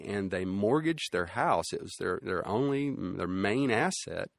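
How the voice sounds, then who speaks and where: A man delivers a sermon in a relaxed, conversational way, repeating key phrases for emphasis and pausing on fillers as he thinks. His voice sits fairly low, and the recording is dry and close. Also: no echo. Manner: conversational teaching with frequent fillers and restarts; emphatic repetition. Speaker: preacher.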